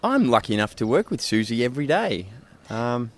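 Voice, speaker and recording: A man's voice: medium pitch, sing-song, fairly quick. A man with a broad Australian accent, chatting casually as a podcast guest. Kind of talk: casual chat.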